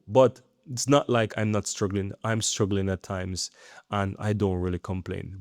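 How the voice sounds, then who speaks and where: Gravelly and somewhat dark in tone, this man's voice sits on the low side. He's a thirtysomething YouTube creator talking earnestly in a rambling, casual talking-head vlog, often tossing in "right?". The audio is studio quality, with no echo.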